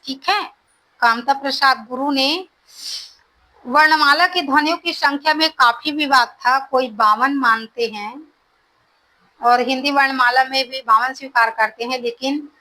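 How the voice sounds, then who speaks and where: A woman's voice: sits high, pushed and bright, low-quality recording. A woman teaching a Hindi grammar lesson for exam preparation, repeating each definition and checking understanding with short prompts. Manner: explains slowly, repeats definitions, checks with "ठीक है".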